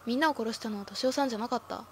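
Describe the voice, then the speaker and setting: A woman's voice: on the high side, very fast, a little hiss or hum, lightly acted. A woman reading aloud the lines of a tense, protective young man in a video game, insisting urgently.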